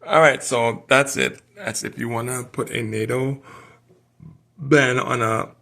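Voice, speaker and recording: A man's voice: medium pitch, steady tone, normal speed, gravelly, bright, forceful tone. A man casually talking through a hands-on watch strap demonstration, rambling as he works. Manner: rambling, talks while working with his hands.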